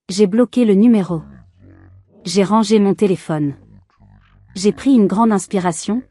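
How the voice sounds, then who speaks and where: A woman giving a calm, measured first-person story narration as the channel's storyteller. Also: medium pitch, no echo, studio quality.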